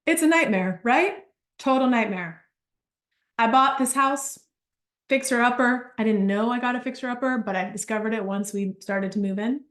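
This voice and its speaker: Speaking at a moderate pace in a slightly high voice, a woman from Argentina leads a live business workshop as a coach. She's animated and chatty, spinning stories with plenty of asides, and the room is echoey.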